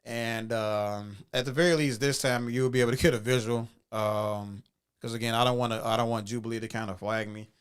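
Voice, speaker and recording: A man's voice: medium pitch, fairly even intonation, a little fast, clear, resonant tone. A man hosting a casual livestream podcast, rambling with many fillers and restarts. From Chicago. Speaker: podcast host.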